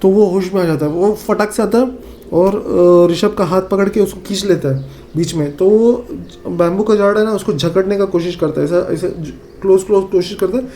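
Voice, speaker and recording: Guy w northeast indian accent telling a scary story, kinda high voice, mellow tone, faint hiss behind. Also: brisk. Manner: animated, acts out friends' lines, many fillers and repeats. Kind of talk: casual spoken horror storytelling.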